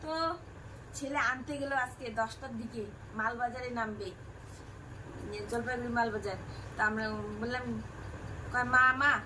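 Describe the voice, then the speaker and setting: A woman's voice: fairly high pitch, steady tone, moderate pace, long pauses. A middle-aged woman with a Rajbanshi Bengali accent, chatting to her viewers and animatedly retelling family conversations. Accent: Rajbanshi Bengali of North Bengal. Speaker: family vlogger. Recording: distant mic with loud room noise.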